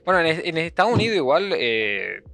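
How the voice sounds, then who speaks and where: A man's voice: fairly high pitch, very animated, brisk, gravelly, a bit bright, soft background music. A man with an Argentine accent, co-hosting a podcast in casual chat. He asks follow-up questions and speaks loosely, with many fillers. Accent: Argentine Spanish. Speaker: podcast co-host.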